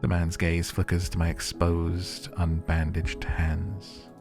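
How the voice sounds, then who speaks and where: A man with a very low voice and a creaky edge narrates a dark game story aloud. His reading is measured and theatrical, though the melody stays narrow. Music plays behind him. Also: level tone. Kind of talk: dramatic narration of a visual novel.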